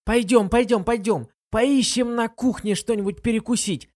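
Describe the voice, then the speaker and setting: A woman's voice: fairly high pitch, normal speed, a little mellow, no echo, pitched above the performer's own voice, close to an everyday voice. A reader voicing a bratty, teasing young girl in a storybook reading. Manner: mocking, teasing.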